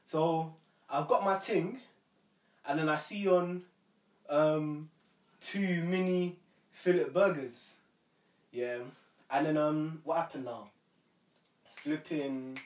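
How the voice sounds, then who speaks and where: A man's voice: a little high, slow pace, pauses often. A young man with a London roadman accent, telling stories casually in slangy, rambling talk. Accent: London roadman, multicultural urban slang. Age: young adult. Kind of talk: casual banter and storytelling. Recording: roomy, distant mic, faint background noise.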